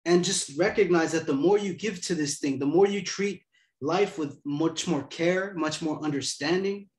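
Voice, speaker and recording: A man's voice: fairly high pitch, normal speed, roomy sound. A man in his twenties giving a casual motivational talk as host, laid-back and profane. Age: 20s.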